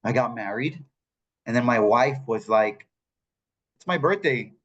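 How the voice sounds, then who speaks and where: A man's voice: mid-range voice, lively intonation, a little slow, fairly bright tone, slightly rough, highs cut off. A man in his forties, a veteran speaking on a panel, candid and joking about his own experience. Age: 40s. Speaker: veteran peer support panelist. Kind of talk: casual panel talk.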